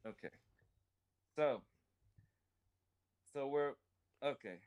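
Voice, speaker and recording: A man's voice: mid-range voice, extremely slow, darkish tone, clear, resonant tone. A man hosting a casual Torah study chat, explaining step by step with jokes and everyday examples, and reading commentary aloud and translating it. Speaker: Torah class host.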